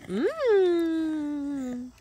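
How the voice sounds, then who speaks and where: High sing-song woman coaxing a baby. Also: very animated, very slow, dark tone, slight background noise. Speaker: mother feeding her baby. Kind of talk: baby talk at home. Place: home, feeding the baby.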